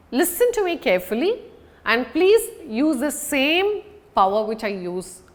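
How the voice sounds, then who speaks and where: A public speaking coach gives an instructional lesson in a slightly high voice. She speaks deliberately and emphatically, pausing for stress.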